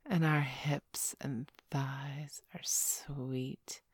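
Low husky whispery seductress, a woman playing her, slow and dry-sounding. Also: fairly even intonation, exaggerated voice. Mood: seductive. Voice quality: breathy whispering. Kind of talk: erotic audio roleplay.

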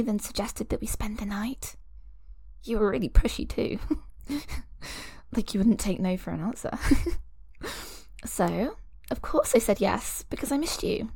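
In an audio roleplay drama, a woman plays an obsessive young woman holding her lover captive, sweet on the surface but cruel beneath. Her fairly high, slightly mellow voice comes in breathy whispers and giggles with a doting mood, recorded with no echo.

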